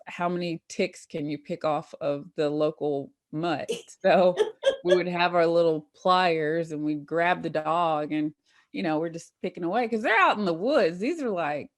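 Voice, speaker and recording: Soft-spoken low-voiced woman. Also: dry recording, studio quality. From Tennessee, US. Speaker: guest, small business owner. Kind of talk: casual interview chat.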